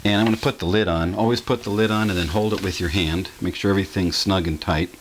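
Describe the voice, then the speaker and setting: Filmed on a camera mic in his home kitchen amid heavy background noise, this channel host, a middle-aged man, talks fast in a low-sitting voice. He runs a casual cooking demo, explaining every step folksily and leaning on fillers.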